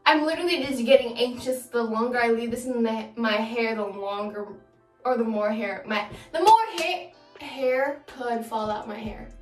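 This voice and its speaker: Young woman, high voice, chatty rambling vlog talk, camera mic at home, faint music behind. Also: fairly bright tone. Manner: chatty and rambling, anxious, restarts mid-sentence. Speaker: beauty vlogger. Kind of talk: casual vlog chat.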